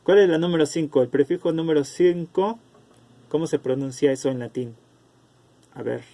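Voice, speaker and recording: Male teacher for an online lesson, gravelly and dark-toned, slow delivery, calls on students by name over a video call. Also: fairly high pitch. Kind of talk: online class lecture.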